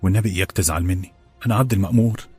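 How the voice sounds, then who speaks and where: A man reading an audiobook, voicing a humble male servant who speaks softly and apologetically to comfort a colleague. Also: low voice, racing, husky, soft background music. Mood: consoling. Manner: soft, hushed, apologetic.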